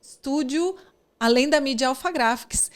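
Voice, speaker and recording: A woman's voice: sits high, normal speed. A Brazilian woman hosting a podcast in a casual, effusive and thankful way. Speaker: podcast host.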